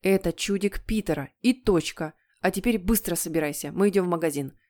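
A woman's voice: on the low side, a little fast, warm tone, no echo, close to an everyday voice. A woman voicing a stern, firm mother in an audiobook reading. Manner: firm, commanding. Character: stern mother of two boys. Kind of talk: audiobook character voice.

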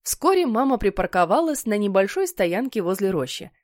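A woman narrating a children's story in a lively, playful way. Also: mid-range voice, moderate pace, no echo, studio quality. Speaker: audiobook reader.

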